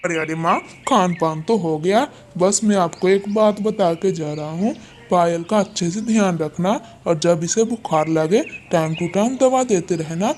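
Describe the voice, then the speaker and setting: A woman's voice: on the low side, a little slow, few pauses, a little mellow, slight background noise, lightly acted. A woman voicing a dutiful young male crow in a cartoon, earnest and mild-mannered.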